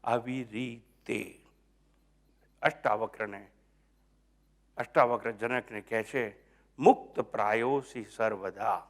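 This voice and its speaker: An older man with a Gujarati accent giving a spiritual discourse, questioning his listeners and slipping in English phrases, moving between soft murmurs and loud emphatic points. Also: mid-range voice, fairly even intonation, slow pace, pauses often. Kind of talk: sermon.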